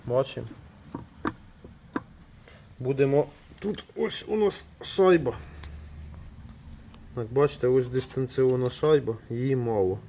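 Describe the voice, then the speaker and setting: A man's voice: mid-range voice, measured pace, pauses often, mellow, slight background noise. A man giving casual commentary on his own hands-on repair. He thinks aloud as he works, trails off and restarts, and talks to viewers as friends. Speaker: DIY mechanic vlogger.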